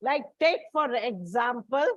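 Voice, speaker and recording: A woman teaching pronunciation, slowly spelling out and repeating each sound for her students. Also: fairly high pitch, expressive, fairly bright tone, no echo, lo-fi sound. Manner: slow, deliberate, repeats sounds for learners. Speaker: English teacher. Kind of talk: classroom lecture on phonetics.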